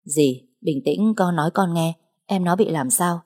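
A woman playing a reluctant young man, slow and soothing, her voice lowered a little in an audiobook. The tone is dark and husky.

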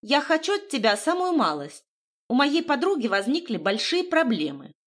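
Woman doing confident young woman, high, coaxing, insistent, audiobook. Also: big pitch swings, normal speed. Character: cool, self-assured young woman. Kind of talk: audiobook reading.

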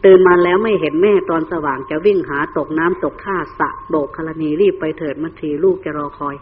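A man voicing a gentle royal male hermit who calmly reassures his wife. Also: on the high side, brisk, big-room sound, close to an everyday voice. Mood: soothing. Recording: tinny phone-like recording.

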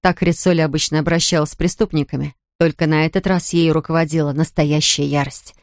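A woman's voice: sits low, steady tone, brisk, dry recording, clean studio sound. A woman narrating an audiobook steadily, voicing the characters herself.

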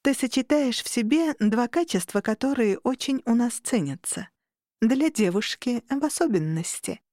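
A woman voicing a cheerful, kindly middle-aged vampire woman in an audiobook, with a teasing, gently sly manner, in a dry studio recording. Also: fairly high pitch, expressive, moderate pace, no echo, close to an everyday voice. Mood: gently knowing.

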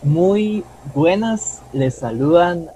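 A young Costa Rican mycologist co-hosts a podcast in casual chat, speaking Spanish with a Costa Rican accent. His fairly high voice is expressive, he draws out words, talks earnestly, repeats himself often and keeps tacking on "¿verdad?". Music plays in the background and the audio is poor.

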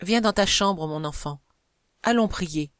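A woman's voice: lowish voice, unhurried, dry recording, close to an everyday voice. Brief: guilt-ridden aging mother, read by a woman, tender and pleading, in a storybook reading with a dry close sound. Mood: gentle.

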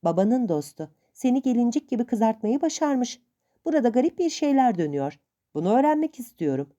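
A stern, bossy old aunt scolds and lectures in a raised, lively voice, as a woman reader puts her on. The tone is mellow and dark. The storybook recording sounds dull and lo-fi. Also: a little high, fairly quick, pitched above the performer's own voice. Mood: scolding.

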